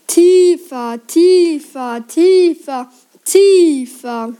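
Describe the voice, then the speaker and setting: A woman's voice: sits high, unhurried. A woman voicing a cheeky young schoolboy who hypnotizes his principal, coaxing and whispery.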